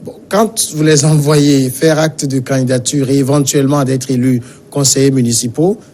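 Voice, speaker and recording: A man's voice: mid-range voice, little pitch movement, moderate pace, dark tone, slight background noise. A male TV interviewer from Togo asking probing questions about local elections. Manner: probing, with brief backchannels.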